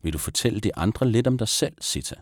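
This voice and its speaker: A man voicing a kind adult female schoolteacher in a storybook reading, gently coaxing. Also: fairly low pitch, lively intonation, voice pushed up.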